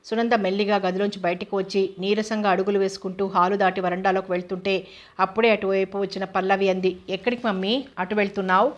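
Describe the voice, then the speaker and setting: A woman's voice: mid-range voice, little pitch movement, fast talker, lo-fi sound. A woman reading a novel aloud as a narrator, voicing every character in her own voice. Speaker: audiobook narrator.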